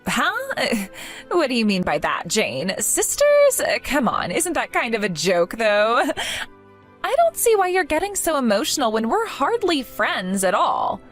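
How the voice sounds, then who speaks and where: A woman's voice: a little high, very animated, measured pace, fairly bright tone, faint music behind. A young woman voicing a scornful, two-faced young woman who mocks and laughs at her friend.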